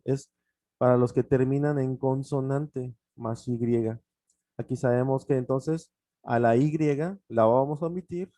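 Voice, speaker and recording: A man whose first language is Spanish, teaching an online English grammar lesson, explaining step by step and repeating examples, often pausing with fillers. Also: medium pitch, mellow, dry recording.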